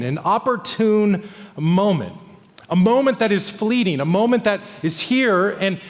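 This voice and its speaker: A man's voice: on the high side, in a large hall. A male pastor preaching a sermon in an earnest, emphatic way, repeating key phrases. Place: church sanctuary.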